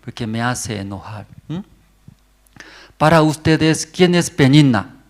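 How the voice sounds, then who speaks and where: Slow-speaking pastor prodding his congregation. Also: mid-range voice, expressive. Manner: constantly checks in with the congregation with a rising 'mm?' and 'verdad, no?'; simple, halting phrasing in short bursts. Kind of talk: sermon at a prayer service. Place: church service.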